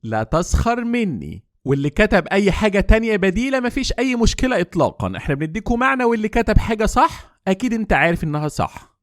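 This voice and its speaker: A man with an Egyptian Arabic accent teaching English, quizzing his viewers and saying the model phrases slowly and deliberately. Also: sits high, no room sound, clean studio sound. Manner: lively quizzing delivery. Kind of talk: language lesson quiz.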